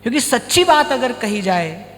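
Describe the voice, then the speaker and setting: Male spiritual teacher, high voice, storytelling sermon in a reverberant hall with soft music. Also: big pitch swings, moderate pace. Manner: storytelling, acts out short dialogues. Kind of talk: devotional discourse. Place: ashram hall.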